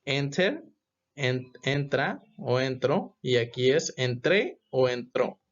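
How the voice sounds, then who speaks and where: A man teaching a grammar lesson, explaining step by step and often checking with a quick question. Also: mid-range voice, big pitch swings, highs cut off. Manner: patient, repeats "¿ok?" to check understanding. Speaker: English teacher.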